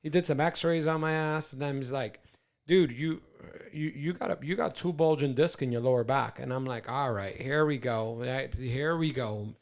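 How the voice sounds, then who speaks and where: A man's voice: medium pitch, normal speed, creaky. A man in his forties co-hosting a podcast in casual chat, rambling and stammering with plenty of swearing. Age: 40s. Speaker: podcast co-host.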